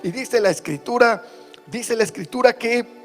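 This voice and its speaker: A man with a strikingly high voice preaches a sermon, circling back over his own phrases as he builds toward fervent appeals. Faint music plays softly behind him. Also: lively intonation, moderate pace. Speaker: pastor. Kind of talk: online sermon.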